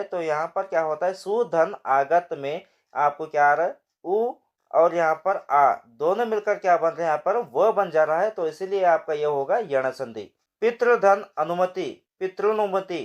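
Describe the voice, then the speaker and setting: A male teacher explaining a grammar lesson, asking rhetorical questions and walking students through each example. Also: sits high.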